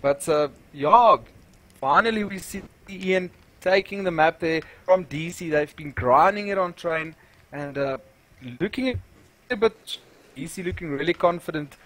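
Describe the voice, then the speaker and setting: Laid back dude co-casting esports, slightly high voice, lots of uhs. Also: male voice, a little slow, a bit bright. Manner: easygoing, self-mocking, lots of fillers. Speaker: esports co-caster. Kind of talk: live esports commentary.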